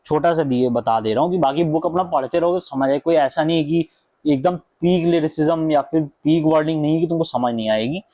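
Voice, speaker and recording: A man's voice: a little high, brisk, mellow, no room sound. Chatty young man vlogging. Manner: chatty, mixing Hindi and English, many fillers and asides. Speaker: book reviewer. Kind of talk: casual book review vlog. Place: indoor room at home with a fan running.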